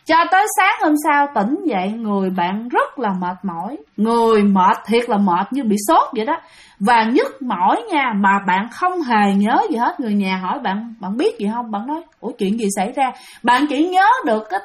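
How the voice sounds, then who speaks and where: A woman's voice: on the high side, big pitch swings, moderate pace. A woman narrating a ghost story in a chatty way, talking straight to her listeners. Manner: chatty, addresses listeners directly.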